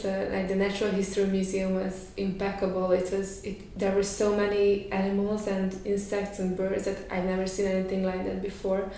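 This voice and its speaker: Recorded off-mic in a very echoey room with faint underlying noise, a Romanian artist in residence who speaks Hungarian as her first language reflects in an interview. She is hesitant and thoughtful, filling pauses with soft fillers, and her medium-pitched voice stays flat and even.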